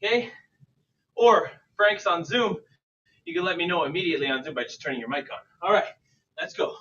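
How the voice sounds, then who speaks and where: High-pitched male aerobics instructor, distant mic. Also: lively intonation, brisk, a bit bright. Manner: aerobics instructor, counting reps and calling out cues; encouraging. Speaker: fitness coach leading a bodyweight warm-up class. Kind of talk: live online workout instruction. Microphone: away from the mouth, at a distance. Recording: distant, dull microphone.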